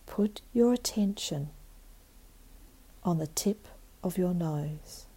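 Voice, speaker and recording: A woman guiding a meditation in a calm, meditative tone, with a soft, breathy voice and long pauses. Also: fairly low pitch. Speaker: meditation guide. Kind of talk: guided meditation narration.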